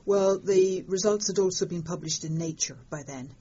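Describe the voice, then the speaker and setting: An older woman, telling stories in an interview in a lively, wry way. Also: on the low side, moderate pace, breathy edge. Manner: lively storytelling, fond of understatement. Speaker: interviewed astronomer. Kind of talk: conversational interview. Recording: dull lo-fi sound.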